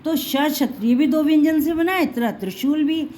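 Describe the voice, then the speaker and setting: A woman's voice: high voice, normal speed, warm tone. A woman teaching Hindi letters to children, patiently repeating each sound and mixing in words.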